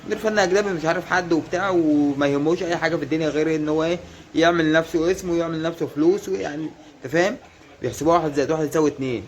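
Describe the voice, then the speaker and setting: A man's voice: on the high side, very fast, slight background noise. A man with an Egyptian Arabic accent in a casual monologue to rival football fans. He teases them in a mock-earnest way and keeps repeating reassurances. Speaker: football fan vlogger.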